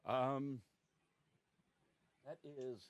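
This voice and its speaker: A man's voice: mid-range voice, fairly even intonation, drawn-out words, clear, resonant tone, no echo, muffled recording. A man voicing an ancient, sleepy druid in a tabletop game, hesitant and rambling as he thinks aloud. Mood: hesitant recollection. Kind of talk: improvised in-character tabletop role-play.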